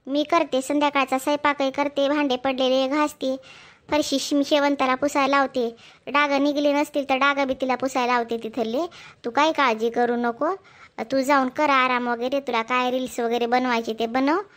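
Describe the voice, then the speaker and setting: A sly village mother-in-law, voiced by a woman who sweet-talks and rambles on in a high voice, with a Marathwada Marathi accent, in a homespun comedy skit. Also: little pitch movement, normal speed, fairly bright tone. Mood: coaxing.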